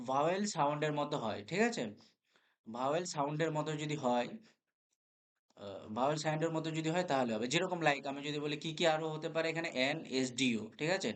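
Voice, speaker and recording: Man, Bengali accent, grammar teacher running a live class, spells out words, voice a bit high. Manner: checks in with students often, spells words letter by letter. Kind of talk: live online class lecture.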